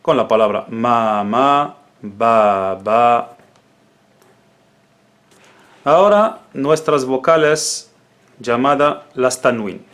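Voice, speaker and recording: A man teaching the Arabic alphabet in a patient, spoken lesson, repeating each syllable slowly and drilling it. His first language is Arabic. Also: mid-range voice, fairly bright tone.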